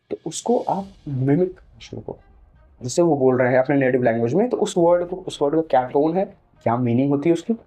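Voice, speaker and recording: A man teaches in a loose, conversational way, often repeating himself and switching into English phrases. His voice is deep in color and very mellow. Soft music plays faintly underneath. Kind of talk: casual spoken tutorial.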